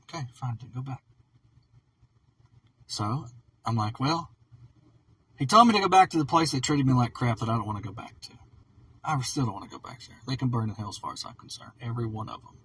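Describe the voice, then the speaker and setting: A man tells a personal story straight to the camera in a rambling vlog monologue. He repeats himself, sinks into low mutters, then bursts out loud. His voice is husky and sits a little back from the microphone. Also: lively intonation, brisk, long pauses, distant mic, low-quality recording. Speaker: vlogger.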